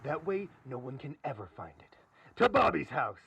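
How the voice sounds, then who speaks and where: An actor playing a confident, heroic small-town sheriff in a radio play, with hammy, gallant lines. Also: male voice, medium pitch, sing-song, brisk, darkish tone, recorded from a distance, a little hiss or hum, natural voice. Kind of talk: old-time radio play acting.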